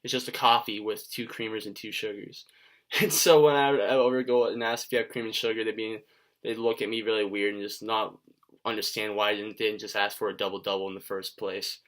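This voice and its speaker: A young man from Washington state talking through a class video presentation in a casual, halting way, with many fillers and restarts. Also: fairly low pitch, flat delivery, fairly bright tone. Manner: casual, conversational. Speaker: student presenter.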